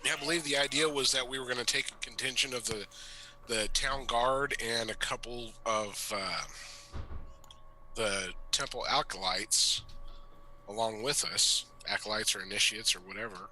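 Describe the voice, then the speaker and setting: A man's voice: mid-range voice, normal speed, a little hiss or hum, low-quality recording. A man playing a tabletop game over a call, chatting casually and hedging his recaps. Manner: relaxed, hedging, recaps with "I believe". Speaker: player.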